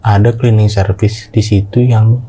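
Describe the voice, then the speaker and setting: A woman's voice: very deep voice, steady tone, measured pace, mellow, husky. A woman hosting a casual interview, reacting briefly and asking short follow-up questions. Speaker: host.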